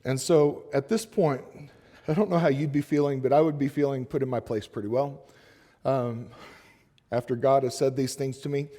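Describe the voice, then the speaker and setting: A man's voice: medium pitch, steady tone, moderate pace, warm tone. Guy preaching, casual and jokey, reads a verse then retells it like a normal conversation. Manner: casual, joking asides with laughs; paraphrases scripture in everyday speech. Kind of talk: sermon.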